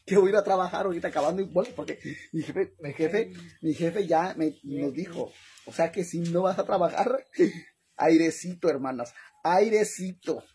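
A woman with a Mexican accent chatting casually on a livestream, talkative and animated, laughing often and calling her viewers "hermanas". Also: fairly low pitch, moderate pace. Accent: Mexican Spanish. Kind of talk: casual livestream chat to followers.

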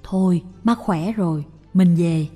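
A woman reading aloud and voicing a frail elderly mother who speaks softly but firmly. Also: lowish voice, unhurried, husky. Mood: gentle. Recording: reverberant with faint music.

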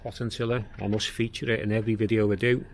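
A man giving a casual tour of his walled garden outdoors, talking in a plain-spoken, unhurried way as he walks and explains. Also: on the low side, flat delivery, a little hiss or hum. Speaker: gardening vlogger.

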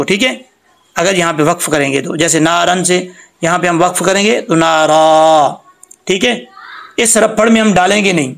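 A man teaching Quran reading in a screen-recorded lesson. He explains patiently, repeats words slowly and chants the recited words in a drawn-out way. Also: high voice, vocal fry.

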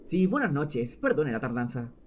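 A man's voice: medium pitch, sing-song, normal speed, slight background noise, close to an everyday voice. A man reading a curt young woman babysitter.

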